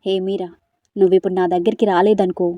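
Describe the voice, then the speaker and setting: A woman's voice: medium pitch, flat delivery, fast talker, dark tone, no room sound, lightly acted. A woman voicing a bossy, sneering young man. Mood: contemptuous. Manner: bossy, contemptuous. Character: domineering young man, controlling cousin.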